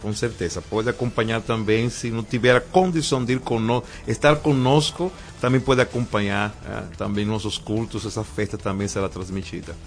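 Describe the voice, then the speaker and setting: A middle-aged Cuban man with a Cuban accent, a pastor speaking as a radio interview guest in a calm, measured way. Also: on the low side, faint music behind. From Cuba. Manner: calm, measured, repeats affirmations.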